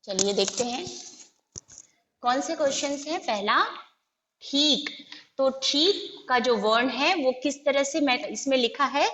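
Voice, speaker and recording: A woman's voice: high-pitched, measured pace, long pauses, a bit bright. A woman teacher patiently explaining a lesson, breaking each word into its letters and vowel signs one at a time. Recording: echoey room, faint background noise.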